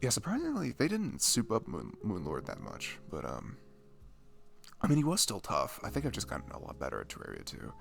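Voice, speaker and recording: A man plays a shy, dorky young best friend, a playful gamer, in an ASMR roleplay, chatting in a rambling, stammering, nerdy way with excitement. His fairly low, creaky voice moves briskly with huge pitch swings in a full character performance.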